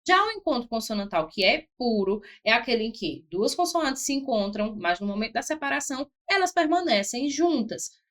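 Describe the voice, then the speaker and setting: Woman teaching, higher-pitched. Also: sing-song, normal speed, few pauses, fairly bright tone. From Brazil. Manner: didactic, spells out syllables, frequent "ó" and "certo?". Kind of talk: exam-prep grammar lesson.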